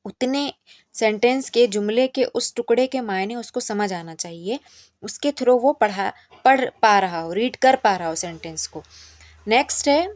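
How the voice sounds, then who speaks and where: A woman teacher educator explains a course syllabus in a lecture. Her voice sits a little high and sounds dry and close, with no room echo. She reads each English point slowly, then explains it in Hindi mixed with Urdu words.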